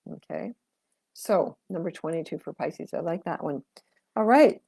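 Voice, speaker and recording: A tarot reader and astrologer in middle age is losing her voice while reading cards on a live stream, chatting aimlessly with lots of fillers and answering comments. Her low voice is animated yet measured in pace, creaky and dark with a breathy edge, and there's no echo.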